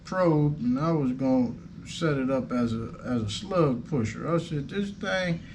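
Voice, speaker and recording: Man, slow unhurried delivery, folksy drawl, casual gear review, faint background hiss. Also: mid-range voice, a little mellow. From United States. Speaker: airgun reviewer.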